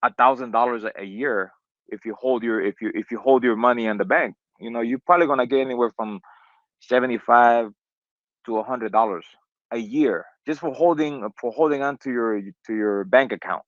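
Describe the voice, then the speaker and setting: This Honduran man, a community member on an online crypto call, speaks in a mid-range voice a little on the fast side. The dry, dull lo-fi recording catches his loose, casual chat, which keeps restarting and leans on fillers.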